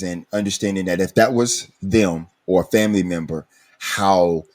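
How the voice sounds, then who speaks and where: A man's voice: low-pitched, a little mellow. A man hosting a recovery podcast, earnest and emphatic, speaking in a preacherly, encouraging way. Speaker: podcast host.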